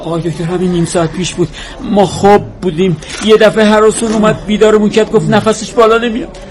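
A man's voice: high voice, flat delivery, a crowd in the background, natural voice, rough recording. A man playing a worried father begging a doctor to help his son, polite and pleading. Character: anxious father of a sick son.

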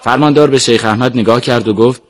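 A man giving scripted narration of a story in a plain, steady way. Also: medium pitch.

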